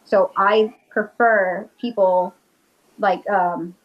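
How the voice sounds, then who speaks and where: Very slow and fairly even, a medium-pitched woman speaks through lo-fi sound. She's from Rhode Island, accent included, a witch and paranormal investigator chatting eagerly and casually as a video-call interview guest with plenty of "like" fillers.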